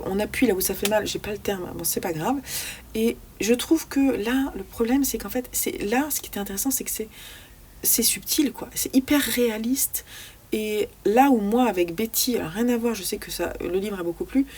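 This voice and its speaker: A book vlogger with a mid-range, somewhat mellow and husky voice chats casually about books she's read. She speaks freely, often groping for words with fillers and restarts.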